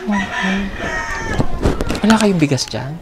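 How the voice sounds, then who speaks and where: A woman's voice: medium pitch, expressive, slow pace, heavy background noise. A woman from the Philippines vlogging as she hands out aid, talking in a coaxing, motherly way and laughing easily. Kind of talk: casual on-camera chat.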